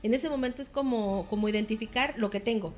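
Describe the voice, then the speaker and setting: A woman with a higher voice talks animatedly. She slips into other people's voices to act out her examples. She sounds like a therapist chatting on a talk show. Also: fast talker, darkish tone, a little hiss or hum. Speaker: therapist, co-host or guest. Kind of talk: casual conversation on a talk show.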